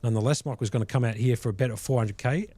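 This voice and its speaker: A man's voice: medium pitch, very fast, warm tone, slightly rough, no echo. A man doing live play-by-play poker commentary in colloquial, slangy language. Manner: colloquial, slangy turns of phrase.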